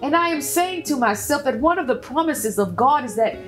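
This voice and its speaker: A woman's voice: sits high, animated, brisk, soft background music. A woman playing the biblical woman healed after twelve years of bleeding, telling her story in an earnest, preacherly way and repeating phrases for emphasis. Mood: earnest testimony. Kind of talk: first-person dramatic testimony on a talk show.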